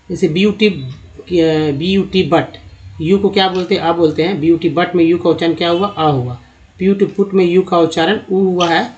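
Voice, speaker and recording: A man teaching English pronunciation in a slide lesson, spelling out letters and repeating words slowly, often checking with his viewers. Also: on the high side, dull audio. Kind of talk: slide-based lesson in Hindi.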